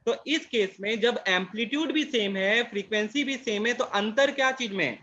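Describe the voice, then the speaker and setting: A man's voice: high voice, sharp tone, lo-fi sound, a little hiss or hum. A male physics teacher lecturing a class, explaining and then asking and answering his own questions. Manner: reads English definitions slowly, word by word.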